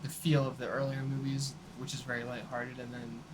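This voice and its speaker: A man, a guest in a casual music chat, explaining points in a relaxed way that often trails off softly. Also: medium pitch, a little fast. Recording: audible background hiss.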